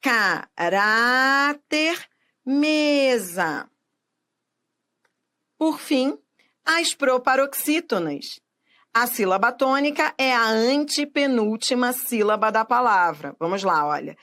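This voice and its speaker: Woman teaching grammar, slow example words. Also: on the high side, animated, fairly bright tone. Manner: didactic, stretches out example words slowly; addresses viewer directly, asks and answers own questions. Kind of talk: video lesson.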